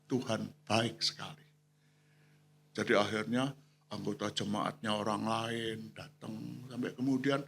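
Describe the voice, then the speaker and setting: Slow, gravelly older preacher man. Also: mid-range voice, fairly bright tone, slight background noise. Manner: acts out quoted voices, briefly sings hymn lines. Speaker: retired pastor. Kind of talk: conversational sermon with storytelling. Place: church hall.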